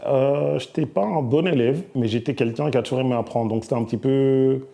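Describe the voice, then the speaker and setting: Soft-spoken, hesitant Belgian-raised man. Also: medium pitch, fairly quick, gravelly. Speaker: musician guest. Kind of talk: casual interview answers.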